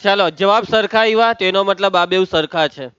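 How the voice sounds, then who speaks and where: High-voiced teasing maths teacher. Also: male voice, normal speed, a bit bright, clean tone, no room sound, dull audio. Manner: teasing, calls on students by name. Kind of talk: lively classroom lesson.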